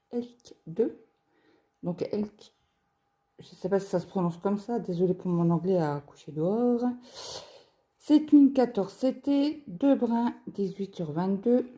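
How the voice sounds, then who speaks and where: Slow-talking French woman showing crafts. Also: medium pitch, warm tone. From France. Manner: slow, chatty, hesitant with fillers. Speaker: craft vlogger. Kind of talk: casual unboxing show-and-tell.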